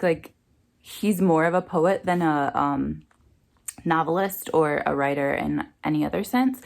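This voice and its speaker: A woman's voice: on the low side, gravelly. A woman chatting casually about a book in a home basement, rambling with many ums, her voice still groggy from the morning. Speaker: book vlogger. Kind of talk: casual book review chat.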